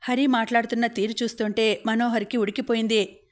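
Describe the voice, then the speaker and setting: Woman, audiobook narrator, steady novel reading, fairly high voice, flat intonation. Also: brisk.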